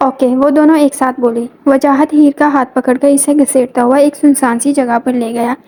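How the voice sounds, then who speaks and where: A woman's voice: high-pitched, steady tone, moderate pace, dark tone. A woman narrating a romantic novel and reading every character's lines herself. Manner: reads all characters in her own voice. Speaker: audiobook narrator.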